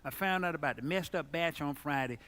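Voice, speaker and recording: A male pastor preaching a sermon, telling stories dramatically and swinging widely between low, quiet lines and loud, high ones. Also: fairly quick. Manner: dramatic, storytelling preacher with big pitch swings.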